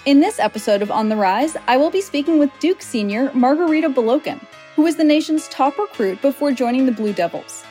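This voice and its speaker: After reading a scripted opening, a woman hosting a podcast falls into easy conversation with her guest, passing along secondhand stories with quoted remarks. Her high, expressive, mellow voice moves briskly with few pauses over soft background music.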